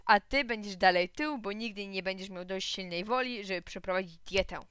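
A woman doing a grumpy middle-aged dad who snaps and grumbles. His voice stays gruff and touchy, and the read is clear and dry. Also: medium pitch, a little fast, fairly bright tone, no echo, close to an everyday voice. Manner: gruff, irritable.

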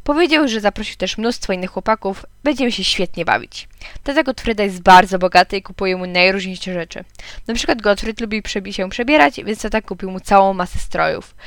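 Kobieta czytająca bajkę dla dzieci. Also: female voice, medium pitch, no room sound, studio quality. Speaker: audiobook reader. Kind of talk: children's audiobook narration, told as a young boy.

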